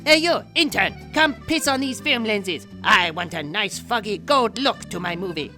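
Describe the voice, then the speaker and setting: A woman's voice: medium pitch, expressive, moderate pace, sharp tone, faint music behind. A woman voicing a pompous, self-important male film director who bosses people around in a mock foreign accent. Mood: grandiose.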